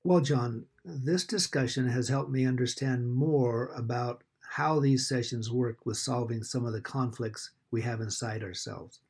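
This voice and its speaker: A man's voice: medium pitch, steady tone, measured pace, few pauses, darkish tone, breathy edge. A man co-hosting a podcast, asking questions in a conversational interview style.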